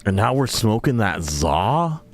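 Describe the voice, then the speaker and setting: A man streaming a game live, chatting casually to his viewers with a tired voice, rambling, excitable, full of ums and uhs. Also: fairly low pitch, unhurried, faint music behind.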